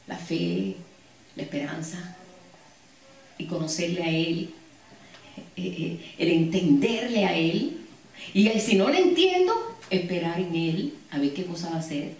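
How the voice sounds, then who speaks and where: A woman's voice: lowish voice, sing-song, measured pace, pauses often, a little mellow. A woman preaching a sermon and telling stories to her congregation with frequent asides. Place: church hall. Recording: echoey hall, distant mic.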